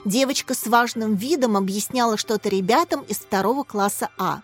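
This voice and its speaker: A woman reading a children's storybook aloud in calm, expressive narration. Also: fairly high pitch, normal speed, slightly rough, soft background music. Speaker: audiobook narrator.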